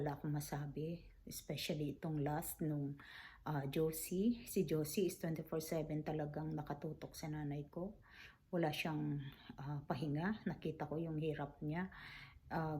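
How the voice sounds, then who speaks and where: A middle-aged woman recalling caring for her late mother, speaking softly and haltingly, mixing in English phrases. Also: deep voice. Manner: soft, halting, with many fillers; mixes Tagalog with English phrases. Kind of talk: personal storytelling vlog.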